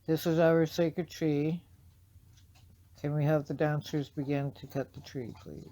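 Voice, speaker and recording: A woman voicing an old male elder who leads a ceremony, speaking slowly and solemnly. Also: sits low, fairly even intonation, warm tone.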